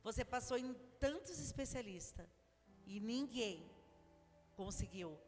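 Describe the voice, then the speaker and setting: A woman's voice: fairly high pitch, lively intonation, unhurried, a little mellow. A woman with a Brazilian Portuguese accent preaching a sermon, telling stories in a chatty way with many asides. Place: church. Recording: long church hall reverb, faint music.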